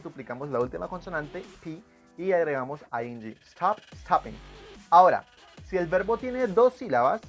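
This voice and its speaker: Upbeat teacher, slightly high male voice, patient, spells words letter by letter, soft music behind. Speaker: English teacher. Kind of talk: explaining grammar to camera.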